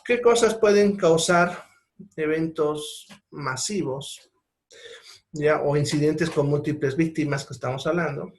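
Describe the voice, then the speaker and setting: A man gives a lecture on triage. His voice sits a bit high for a man. He explains patiently, pausing to check that his listeners follow. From Bolivia. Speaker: seminar instructor.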